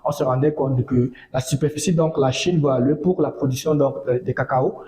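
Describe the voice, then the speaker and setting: A man giving a measured farming talk, repeating phrases and using fillers. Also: mid-range voice, mellow, echoey room. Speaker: agricultural educator. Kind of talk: informative monologue.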